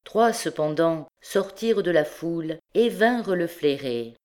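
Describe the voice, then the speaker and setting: Female audiobook reader, measured, expressive narration. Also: fairly low pitch.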